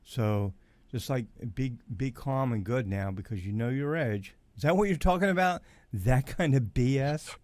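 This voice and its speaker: A man's voice: mid-range voice, normal speed, darkish tone, no echo. A man hosting a podcast, chatting casually, telling stories and joking with his guest. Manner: casual, joking, storytelling with frequent laughs and "dude". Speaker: podcast host.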